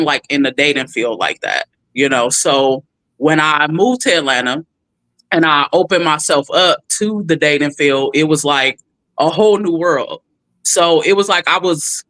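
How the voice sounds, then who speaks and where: A woman's voice: deep voice, normal speed, dry recording. A woman in her thirties from California, telling her story candidly in an interview and acting out quotes. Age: 30s. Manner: expressive, animated, acts out quotes. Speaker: guest.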